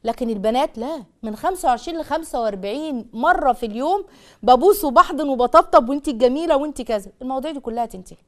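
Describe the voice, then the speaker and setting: A woman with an Egyptian accent hosting a call-in parenting advice show, giving fast and emphatic advice like a teacher. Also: high-pitched, lively intonation, fairly bright tone. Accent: Egyptian Arabic.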